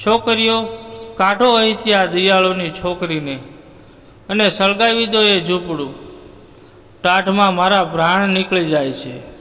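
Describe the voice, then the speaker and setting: A woman's voice: mid-range voice, measured pace, long pauses, a bit bright, lightly acted. A male storyteller voicing a haughty, pampered queen who gives orders with scorn. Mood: scornful. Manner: imperious, scornful. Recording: long hall reverb.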